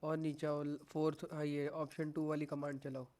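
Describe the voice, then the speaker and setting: Young male coding instructor, fairly high voice, patient and reassuring, live class over a call mic. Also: monotone, normal speed, darkish tone. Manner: patient, reassuring, mixes English tech words into Hindi.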